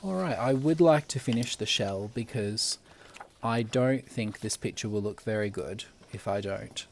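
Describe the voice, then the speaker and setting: A young man teaching children to draw, speaking slowly and gently in a slightly low voice. He talks as he works at a school desk, with faint pen and marker sounds behind him. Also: creaky, a little hiss or hum. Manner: gentle, unhurried, talks while drawing. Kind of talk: drawing tutorial for children. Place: classroom at school.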